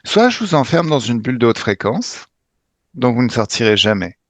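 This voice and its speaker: A man's voice: medium pitch, sing-song, moderate pace, no room sound. A man leading a hypnosis session, commanding and emphatic, with casual swearing. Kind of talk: guided regression session.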